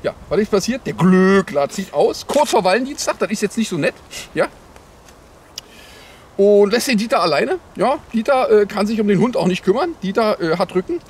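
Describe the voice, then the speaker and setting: A man plays a parody news anchor hosting a satirical news show outdoors in the cold, improvising sarcastic, mock-naive commentary on headlines as he rambles along. His voice is high, swinging widely in pitch, at a moderate pace.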